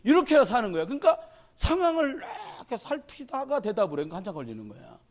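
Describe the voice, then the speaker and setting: A man's voice: very high voice, fast talker. A man preaching a sermon as a pastor, folksy and humorous, acting out the voices of people he quotes. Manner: animated storyteller who acts out quoted voices.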